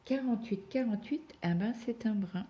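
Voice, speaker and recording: A woman's voice: a little high, moderate pace, warm tone. A woman chatting casually at home while she stitches, telling rambling stories full of asides. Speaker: cross-stitch vlogger.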